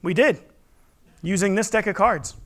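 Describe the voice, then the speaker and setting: Guy doing playful kids party magician patter, pretty high voice, teasing and asking the audience stuff. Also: normal speed, fairly bright tone. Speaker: stage magician. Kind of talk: live magic show performance with teaching patter. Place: live show in a room before a responding audience.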